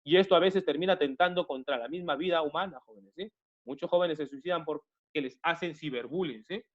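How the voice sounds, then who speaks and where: A man's voice: fairly high pitch, a little fast, highs cut off. A man from Peru teaching an online class, repeating himself and often calling his students young people. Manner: repetitive, addresses class as "jóvenes", many restarts.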